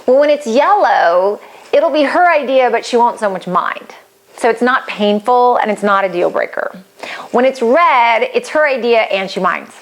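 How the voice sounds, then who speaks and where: A middle-aged woman explaining a relationship compatibility report in a chatty, animated way, acting out quoted reactions and laughing lightly. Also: on the high side, normal speed. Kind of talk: casual explainer talk.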